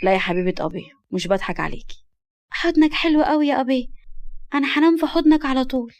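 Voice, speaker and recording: A woman voicing a clingy, scared little orphan girl in a high childish voice, with an Egyptian accent. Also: expressive, fast, darkish tone. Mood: innocent. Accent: Egyptian Arabic.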